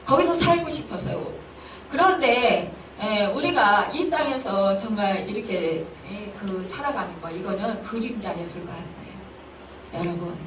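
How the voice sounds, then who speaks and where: A woman's voice: mid-range voice, background noise. A woman pastor delivering a Sunday sermon, earnest and emotional, often acting out her own inner voice with rising exclamations. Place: church hall. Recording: echoey church from a distant mic.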